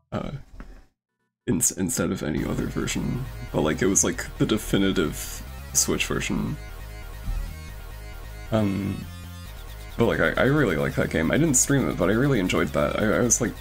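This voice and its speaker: A man's voice: on the low side, creaky. A young man streaming a game, chatting casually in a rambling way full of fillers and restarts, a little out of breath. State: slightly out of breath. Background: game music.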